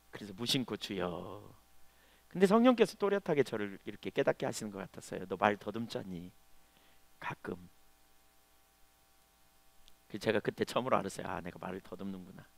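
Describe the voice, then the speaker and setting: In a church sanctuary, a middle-aged pastor preaches a Sunday sermon, telling a personal story and swinging between loud emphasis and quiet asides. His voice is on the low side and creaky, with no room sound, and he stammers and stumbles over words when he speaks quickly.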